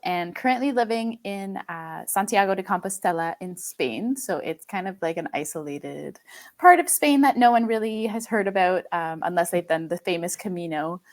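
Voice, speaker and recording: A native French-speaking woman in her late twenties from Quebec, Canada, chats casually as a podcast guest, relaxed and full of fillers. Her voice is lowish and her speed normal.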